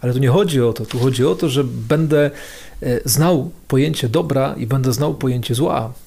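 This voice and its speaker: A man's voice: mid-range voice, moderate pace, vocal fry, mellow, slightly rough. A man giving a casual video sermon as a priest, talking in a conversational, slangy way and repeating phrases for emphasis.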